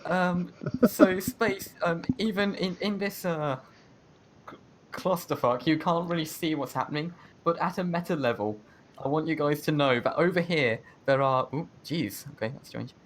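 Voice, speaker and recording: A man's voice: on the high side, normal speed. Laid-back man running a tabletop game. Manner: laid-back, hesitant with many fillers, laughs often. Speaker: game master. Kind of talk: narrating a tabletop game over voice chat.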